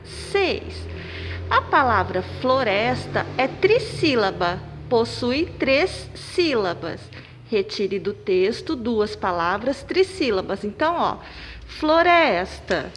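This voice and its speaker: A woman, a primary school teacher taking children through a worksheet. She speaks slowly and punches out stressed syllables. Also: on the high side, big pitch swings, slight background noise. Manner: slow, clapping out syllables and stressing them loudly. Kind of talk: recorded remote lesson for children. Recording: long reverb, room echo.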